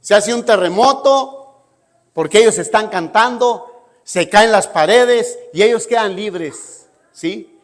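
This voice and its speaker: A man's voice: sits high, takes it slowly. A man preaching a sermon in an emphatic style, often checking in with the congregation. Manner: emphatic, asks listeners "¿sí?" often. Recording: long hall reverb.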